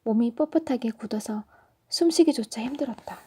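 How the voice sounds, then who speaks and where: A woman storyteller reading a children's story aloud in a soft, often whispery narration. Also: on the high side, fairly quick, slightly rough.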